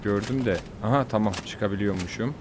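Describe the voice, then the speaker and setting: A young man giving casual, excitable commentary on his own gameplay, fretting aloud and yelping at near falls. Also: fairly low pitch, a little fast, background noise. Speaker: gaming YouTuber.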